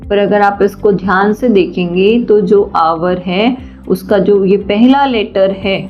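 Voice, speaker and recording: A woman teaching a children's grammar lesson, patient and deliberate, often asking questions and answering them herself. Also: medium pitch. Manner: slow and deliberate. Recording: dull lo-fi sound, faint music.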